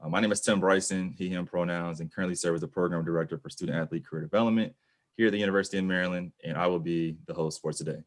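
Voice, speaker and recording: Male webinar host, very low voice, quick delivery, upbeat. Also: steady tone. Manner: upbeat, scripted opening. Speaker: host, program director. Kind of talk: webinar hosting.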